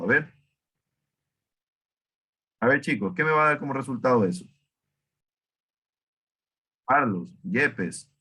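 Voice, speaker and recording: A male math teacher, talking students through an exercise. He keeps asking them questions, stops to correct himself and fills pauses with "eh". His voice sits at an ordinary middle pitch for a man. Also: pushed and bright, breathy edge. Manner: questioning, self-correcting, many fillers. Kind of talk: online math class.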